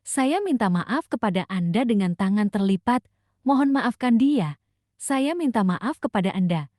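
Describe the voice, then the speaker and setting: An earnest, pleading older mother-in-law, voiced by a woman reading a drama recap. The voice is mellow and on the high side, recorded dry and close. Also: animated, moderate pace, no echo, natural voice. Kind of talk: read-aloud drama recap.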